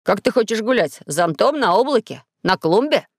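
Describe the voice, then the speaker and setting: A woman reading an audiobook, voicing a cheerful, sly blue-faced alien boy inventor in a lowered voice. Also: big pitch swings, normal speed, no echo, studio quality. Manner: sly and boastful.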